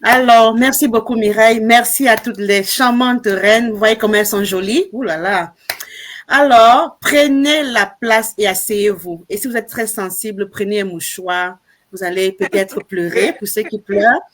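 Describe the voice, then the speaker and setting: Brief: woman host of a live stream, mid-pitched voice, emphatic and repetitive. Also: measured pace. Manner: warm, emphatic, repeats herself. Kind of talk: hosting a group live stream.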